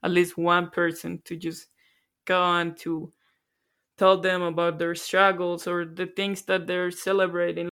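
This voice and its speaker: A woman from Colombia co-hosting a podcast, speaking softly in a reflective, self-deprecating way. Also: fairly low pitch, level tone, a little slow, clean tone. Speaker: podcast co-host. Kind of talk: casual podcast chat.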